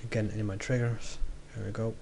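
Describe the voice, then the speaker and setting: A man's voice: fairly low pitch, level tone, brisk, gravelly. Young man, coding tutorial, thinking aloud, self-correcting, faint hiss. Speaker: game development tutor. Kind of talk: screen-recorded coding tutorial.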